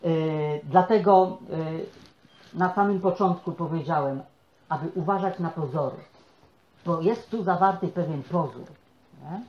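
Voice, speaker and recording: A man preaching a conversational sermon, often tagging his sentences with quick questions to the congregation. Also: fairly high pitch. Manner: chatty, peppers speech with tag questions. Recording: echoey, dull room sound.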